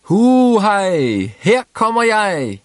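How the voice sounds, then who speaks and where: A man voicing a cheerful, simple-minded young peasant who shouts merrily. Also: a little high, big pitch swings, no echo, studio quality, voice pushed up. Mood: exuberant.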